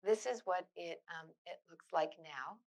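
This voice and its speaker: A middle-aged woman giving a public lecture in a university auditorium, earnest and thoughtful, often pausing on fillers and restarting phrases. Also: fairly low pitch, darkish tone, poor audio. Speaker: guest lecturer.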